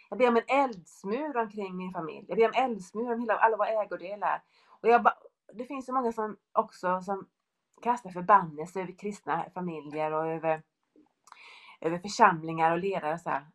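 Brief: middle-aged woman, fervent devotional speaker, earnest and repetitive. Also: medium pitch. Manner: earnest, repetitive, builds in lists.

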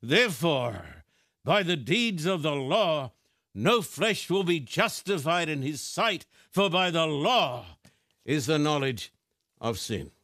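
Slow, deliberate preacher man. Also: a little high, sing-song, a bit bright, no room sound, studio quality. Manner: slow, deliberate, emphatic, addresses viewers directly. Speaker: television preacher. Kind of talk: sermon with scripture reading. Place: studio.

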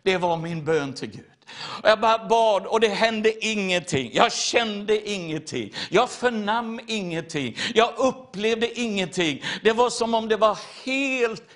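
A man's voice: high-pitched, expressive, a bit bright. A man preaching a testimony sermon, earnest and repetitive, speaking straight to his listeners.

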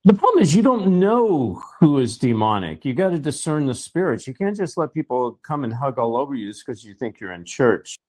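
A man hosts a talk show, asking his guest questions in a relaxed, conversational voice. His speech is even and mid-pitched, with occasional fillers. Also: brisk, hardly any pauses. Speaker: host. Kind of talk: hosting a call-in talk show.

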